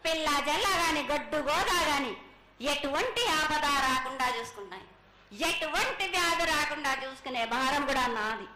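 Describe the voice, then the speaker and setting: A woman speaks as an oracle in a prophetic trance, commanding and halting, addressing devotees as her children as a mother goddess would. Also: high voice, expressive, crowd noise. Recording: echoey, faint background noise at public ritual.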